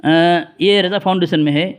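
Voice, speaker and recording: High-voiced man pressing a debate. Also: fairly even intonation. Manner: insistent, keeps pressing for answers with respectful address. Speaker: religious debater. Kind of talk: theological debate.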